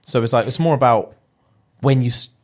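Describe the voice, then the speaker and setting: Animated young man, casual podcast chat. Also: mid-range voice, moderate pace. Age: late 20s. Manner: animated storytelling, slangy and jokey. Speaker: podcast co-host.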